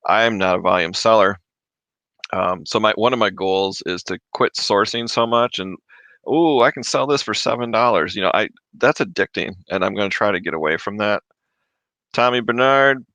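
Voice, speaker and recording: A man from Michigan hosts a casual livestream at home, reading out viewer comments and chatting through their questions. His voice sits low but has a bright, forceful edge. The desk mic gives a dry, close sound. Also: no room sound, low-quality recording. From Michigan, USA. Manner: chatty, reads viewer comments aloud, chews while talking. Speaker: livestream host answering reseller questions. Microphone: desk microphone. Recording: dry close mic, drops off when mic moved away.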